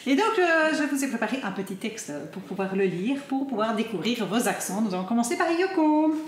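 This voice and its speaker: A woman with a somewhat high voice chats casually with her family, light and quick to laugh. The sound bounces around the space, with a faint hiss underneath. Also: big pitch swings. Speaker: vlogger and mother. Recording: echoey with faint noise.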